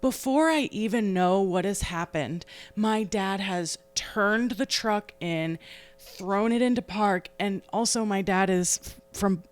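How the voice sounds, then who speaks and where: A young adult woman and podcast co-host in casual chat, telling an animated story and laughing often. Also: medium pitch, slow, smooth. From New England.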